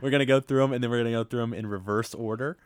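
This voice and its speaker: A man's voice: mid-range voice, fairly even intonation, rapid-fire, smooth, no room sound. Male podcast co-host, mid-range voice, rambling, laughs a lot. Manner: laughs often, rambling with many ums and uhs. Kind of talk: casual movie-review podcast chat.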